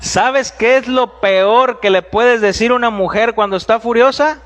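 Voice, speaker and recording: High-voiced animated man preaching. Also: normal speed. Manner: animated storytelling with humorous asides and direct address. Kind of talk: sermon. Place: church.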